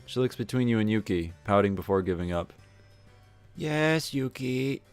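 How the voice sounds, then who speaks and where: A man's voice: lowish voice, fast, a little mellow, faint music behind. A man casually reading an interactive story aloud, adding wry comments of his own. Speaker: storyteller and video creator.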